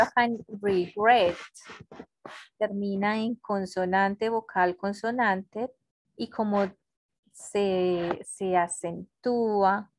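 A woman gives an online English lesson in an unhurried, patient way, often pausing to check understanding. Her voice sits at a middle pitch and is recorded close and dry on a computer mic. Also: no room sound. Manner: slow, patient explaining with frequent checks. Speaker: English teacher. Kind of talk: online class explanation. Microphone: computer mic on a video call.

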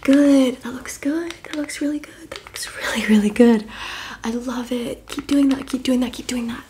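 A woman in her twenties doing a fast ASMR whispered role-play as an encouraging beauty and photo professional, repeating short phrases up close. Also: high voice, mellow, slight background noise, lightly acted. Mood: upbeat, encouraging. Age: 20s. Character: brisk, encouraging female makeup artist, photographer and spa worker. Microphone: close, facing the camera.

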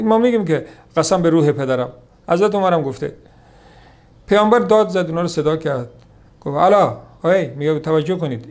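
Male preacher, somewhat high gravelly voice, slow recitation then chatty explanation. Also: a little mellow. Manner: slows to recite Arabic hadith, then explains in Persian; conversational lecturing, repeats points. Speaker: religious teacher. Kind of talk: sermon on hadith.

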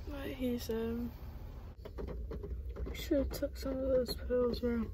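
A woman's voice: on the high side, fairly even intonation, takes it slowly, noisy background. A young woman chatting casually to her phone for a vlog. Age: young adult. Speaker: vlogger. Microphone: phone at arm's length.

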